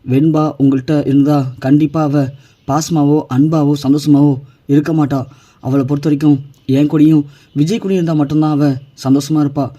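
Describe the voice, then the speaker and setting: A man's voice: fairly high pitch, little pitch movement, brisk, dark tone, close to an everyday voice. A man reading the lines of a young woman begging and apologising, in his own plain voice. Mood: pleading. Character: pleading grieving young mother figure.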